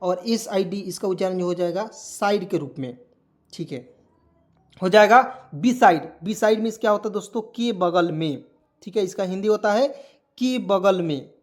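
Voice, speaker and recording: A man's voice: high voice, normal speed. A man teaching a step-by-step spelling lesson, putting questions to his viewers and answering them himself, addressing them as friends. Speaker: English teacher.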